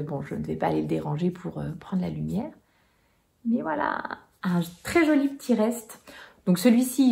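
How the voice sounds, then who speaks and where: A woman's voice: mid-range voice, gravelly, darkish tone. Hesitant French-speaking woman vlogger. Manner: hesitant, many filler sounds. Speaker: knitting vlogger. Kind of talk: casual chat. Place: at home.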